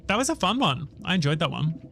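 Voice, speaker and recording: A man's voice: a little high, sing-song, fast talker, vocal fry, fairly bright tone, slight background noise. A man hosting a casual gaming livestream, thinking aloud and chatting conversationally with viewers as he gives his commentary. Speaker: live streamer and host.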